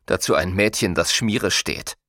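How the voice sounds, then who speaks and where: A man's voice: low-pitched, a little slow, bright, forceful tone, dry recording, studio quality, full character voice. A man reading a story aloud, voicing a scrawny young male swindler who snaps orders harshly. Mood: harsh, commanding. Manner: harsh, snapping.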